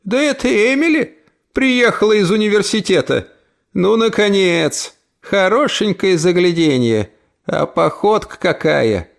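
A man reading aloud, voicing a feisty, sharp-tongued old woman who scolds and exclaims. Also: high voice, animated, unhurried, creaky, pitched above the performer's own voice, heavily acted. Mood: chatty.

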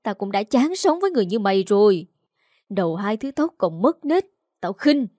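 A woman's voice: mid-range voice, very animated, moderate pace, dark tone, no room sound, clean studio sound. Woman narrator playing a shrieking, cursing middle-aged wife for a storybook. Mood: scornful. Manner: screeching, cursing. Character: shrill furious middle-aged wife, jealous.

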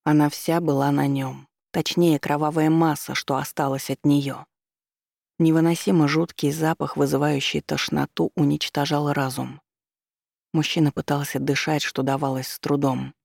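A man reading an audiobook in a steady, measured narration style. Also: a little high, creaky, dry recording, clean studio sound. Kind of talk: scripted narration.

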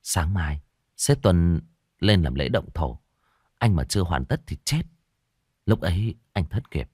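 A man voicing a calm young man who speaks softly and coaxingly to his frightened girlfriend. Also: deep voice, a little slow, breathy edge, no echo, clean studio sound, exaggerated voice. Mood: soothing. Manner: soft, hushed, coaxing.

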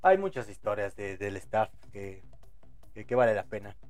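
A man's voice: fairly low pitch, big pitch swings, normal speed, a little mellow, faint music behind. A man in his thirties with a Mexican accent, hosting a casual live podcast, swearing, laughing often and rambling in slang. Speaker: podcast host. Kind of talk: casual live-show chat reading audience posts.

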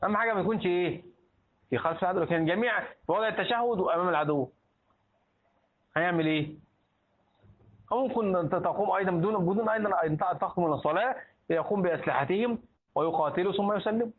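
A man's voice: high-pitched, rapid-fire, pauses often, husky. A man teaching a class on Islamic jurisprudence in colloquial Egyptian Arabic, quizzing his listeners and repeating and restarting words as he goes. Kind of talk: colloquial Egyptian lecture with questions to students. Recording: tinny phone-like lecture recording.

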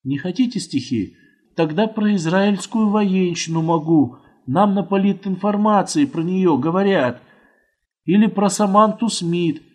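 A man's voice: high-pitched, a little slow, pitched above the performer's own voice. A man reading an audiobook, voicing an eager schoolboy who pleads in a rush. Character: pleading, fast-talking schoolboy.

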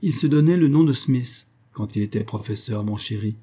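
A man's voice: medium pitch, moderate pace, dark tone, breathy edge, lightly acted. A man reading an audiobook voices a greedy, spiteful old woman on her deathbed, wheedling and gasping. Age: older. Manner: wheedling, mercenary, cackling. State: dying, gasping out syllables.

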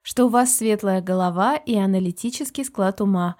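A woman reading the part of a friendly chief engineer in his forties. He speaks politely and in a businesslike manner, in a mellow, darker tone. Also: mid-range voice, moderate pace, close to an everyday voice. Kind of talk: audiobook character voice.

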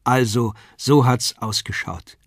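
A man reading an audiobook, voicing a kindly, motherly older woman with a lilt in a warm, bustling manner. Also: mid-range voice, fairly even intonation, slow, no echo, clean studio sound. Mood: fussing, kindly. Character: kindly elderly woman, a craftsman's wife. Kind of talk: audiobook character voice.

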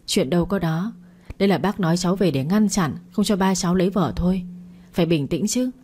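A woman reading the part of a sharp-tongued older woman who dotes on her niece and scolds her son. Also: lowish voice, brisk, husky. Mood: scolding.

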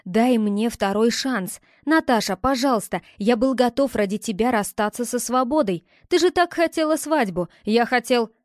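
Audiobook role: a woman voicing a young man, a pleading ex who turns curt, in a fairly high, dry-sounding voice. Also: lively intonation, normal speed, few pauses, no echo, natural voice. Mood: defensive. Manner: pleading, then curt and defensive. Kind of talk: audiobook character reading.

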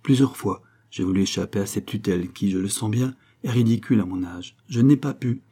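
Guy reading a jittery young count, eager, pleading, kinda husky low voice. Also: brisk, warm tone. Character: nervous young male count, earnest suitor.

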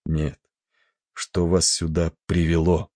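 A calm, steady chief engineer on a ship, as a male reader voices him, speaking evenly and quietly. The voice is deep and husky. It sounds close and dry. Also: takes it slowly, no echo. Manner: even, level, quiet.

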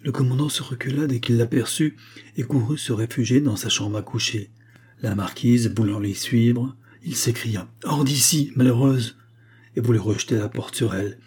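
A man narrating a classic novel aloud in a measured, even storytelling manner. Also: medium pitch, husky. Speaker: audiobook narrator. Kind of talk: scripted literary narration.

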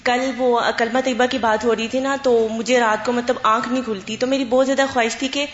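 A woman's voice: on the high side, fairly even intonation. A woman student chatting about her own experience in class, with many fillers. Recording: echoey room, muffled, faint hum.

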